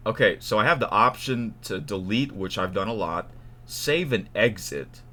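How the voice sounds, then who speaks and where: A man's voice: on the low side, animated, moderate pace, pushed and bright. A man hosting his own channel, talking casually and unscripted, thinking aloud and restarting his takes. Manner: chatty, restarts takes, talks to himself. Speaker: YouTube channel host. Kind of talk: casual unscripted vlog talk.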